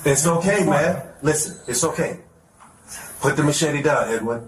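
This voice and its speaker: A male police officer negotiating calmly, repeating the same pleas over and over inside a building. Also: a little high, normal speed. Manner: calm, insistent, repeats pleas. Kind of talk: crisis negotiation. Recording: echoey body camera audio with background noise.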